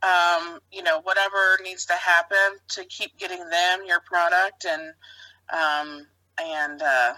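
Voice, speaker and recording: A woman's voice: fairly low pitch, little pitch movement, slow pace, pushed and bright, no room sound, low-quality recording. A woman who co-owns a honey business, chatting casually with many fillers and restarts. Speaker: co-owner of a honey business, podcast guest. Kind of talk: casual chat.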